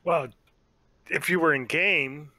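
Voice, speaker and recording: A man's voice: on the high side, slow, pushed and bright, dry recording, poor audio. Teasing man on game voice chat. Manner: teasing, chuckling. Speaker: co-player on voice chat. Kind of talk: casual gaming banter.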